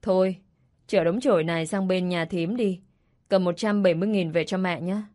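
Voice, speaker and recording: A woman's voice: lowish voice, steady tone, normal speed, dark tone, lightly acted. A woman voicing a grumbling, scolding older rural mother in a story reading.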